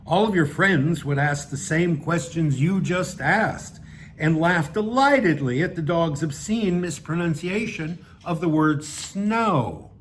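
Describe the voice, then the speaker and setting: A man's voice: on the high side, animated, slow pace, slight background noise. Dry, wry man reading his own story. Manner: dry, wry delivery with offhand spoken asides. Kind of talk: reading a humorous personal essay aloud.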